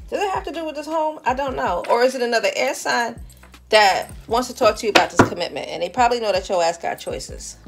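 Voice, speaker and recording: A woman doing a casual tarot reading who talks straight to the viewer in a chatty, animated way and laughs often. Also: on the high side. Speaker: tarot reader.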